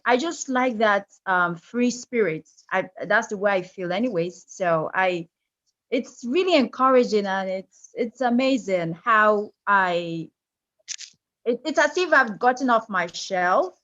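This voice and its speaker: Brief: slow-talking woman on a muffled call line, hesitant and reflective. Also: medium pitch, pushed and bright. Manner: hesitant, many fillers and restarts, reflective. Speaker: participant. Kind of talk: casual chat on a video call. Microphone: video call. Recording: dull lo-fi call audio.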